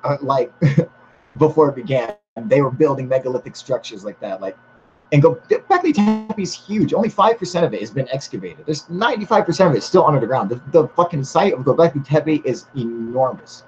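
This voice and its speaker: With faint music behind him, the host of a live UFO stream talks a little fast in a mid-range voice while reading the chat. Profane and excitable, he laughs a lot, speaking outside in humid air on a slightly dull recording with faint hiss.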